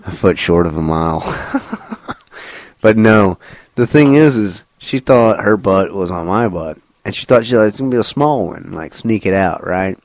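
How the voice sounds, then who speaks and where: A man's voice: lowish voice, expressive, measured pace, no echo. A young man co-hosting a casual radio show, rambling through crude stories with profanity and laughs. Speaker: co-host.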